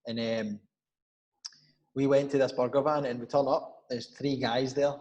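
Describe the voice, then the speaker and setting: A man's voice: mid-range voice, little pitch movement, moderate pace, darkish tone, highs cut off. A young man with a Glaswegian accent, a guest on a casual podcast, telling rambling stories, swearing freely and laughing often. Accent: Glaswegian Scottish. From Scotland.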